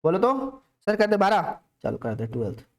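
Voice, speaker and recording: A man's voice: high voice, very animated, moderate pace. A young man teaching a classroom accounts lecture in Hindi, asking the students questions aloud and answering them himself. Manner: coaxing, talks straight to the students.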